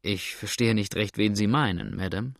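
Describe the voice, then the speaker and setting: The old man is kindly and steady, reassuring in a low, gravelly voice, as a male reader plays him. It is heard close and dry. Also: normal speed, no room sound. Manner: calm and reassuring.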